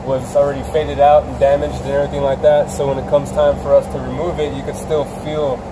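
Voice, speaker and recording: A man in his thirties, a vinyl wrap installer, explaining his work in a relaxed, plain way in a large RV service shop. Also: mid-range voice, quick pace. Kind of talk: casual interview answers. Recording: noisy shop background.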